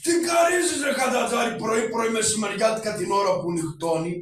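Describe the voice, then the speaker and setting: A man voicing Karagiozis, a poor, cheeky and hungry shadow-puppet trickster, shouting and bantering quickly. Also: high-pitched, animated, distant mic. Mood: cheeky bickering. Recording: echoey hall from afar with music.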